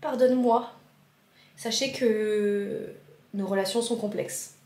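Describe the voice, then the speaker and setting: A woman's voice: mid-range voice, fairly even intonation, slow pace, warm tone. A woman filming a casual daily vlog in her home kitchen. She chats in a frazzled, self-mocking way and keeps talking to her cat. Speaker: vlogger. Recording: echoey kitchen with faint room noise.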